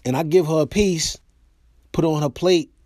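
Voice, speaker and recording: Slightly high-voiced and moving at a moderate pace, an American podcast host and comedian tells comic stories in a loose, animated way. He acts out quoted voices throughout this casual monologue, and the studio-quality audio has no echo.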